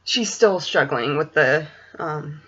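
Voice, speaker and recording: A special education student teacher in her twenties, who has a speech impediment and says w for r, chats hesitantly in a casual, rambling vlog from a small room at home. Her voice sits low and is husky and a bit bright, with lively intonation and a slow pace. The webcam or computer mic at desk distance gives dull audio.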